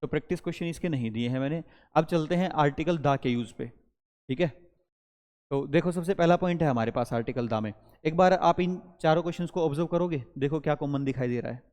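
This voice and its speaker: A man's voice: fairly high pitch, fast, a little mellow, in a large hall. A male teacher giving a grammar lesson that mixes Hindi and English, explaining step by step and quizzing his students as he goes.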